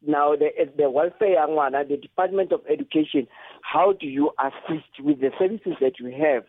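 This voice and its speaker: A man with a South African Setswana accent speaking in a radio discussion, hesitant and pausing often. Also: a little high, no room sound. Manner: hesitant, frequent pauses. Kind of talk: radio discussion, mixing languages. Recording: narrow phone-like line.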